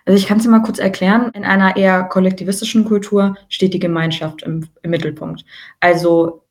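A woman in her twenties co-hosting a podcast, talking in a relaxed, reflective way and explaining ideas at length. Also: mid-range voice, a little fast. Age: 20s. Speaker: podcast co-host. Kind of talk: casual podcast conversation.

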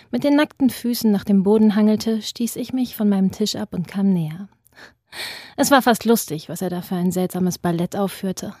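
A woman author and guest, reading aloud from her thriller novel in an even, measured voice. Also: medium pitch, no room sound, studio quality.

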